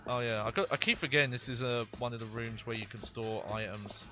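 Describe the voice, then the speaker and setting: A man giving casual video game commentary as a streamer, rambling in halting asides. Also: medium pitch, fairly even intonation. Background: game music.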